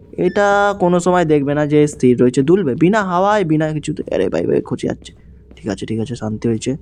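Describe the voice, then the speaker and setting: A man's voice: mid-range voice, mellow. A young man commenting as he plays a horror game, jumpy and panicky, talking to his viewers. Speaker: gaming YouTuber.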